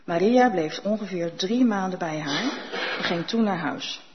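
Calm woman reading scripture aloud. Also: on the low side. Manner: calm, deliberate reading pace. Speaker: scripture reader in a church service. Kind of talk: measured liturgical Bible reading. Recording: slightly dull recording with faint room noise.

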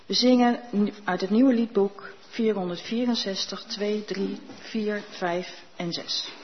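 A woman reading Bible passages in a church service, calm and deliberate. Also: mid-range voice. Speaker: scripture reader in a church service. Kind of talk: measured liturgical Bible reading. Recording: slightly dull recording with faint room noise.

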